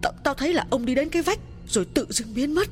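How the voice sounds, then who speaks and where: A man voicing a frightened middle-aged village mistress who speaks in a shaky, hushed way to her servant. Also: sits high, very animated, moderate pace, soft background music, voice pushed up. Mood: terrified.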